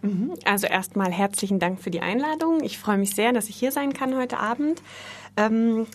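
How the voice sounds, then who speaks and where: A woman's voice: fairly high pitch, animated, moderate pace. A woman who teaches speech therapy, a guest in a radio studio, answering questions thoughtfully with small fillers.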